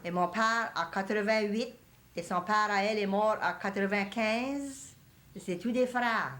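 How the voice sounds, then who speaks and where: An older woman from Louisiana speaks with a Cajun French accent at a medium pitch. Her talk is casual and conversational, repeating points for emphasis and mixing in some English. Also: unhurried, a bit bright. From Louisiana, USA. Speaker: interviewee in family group. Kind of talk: casual oral-history conversation.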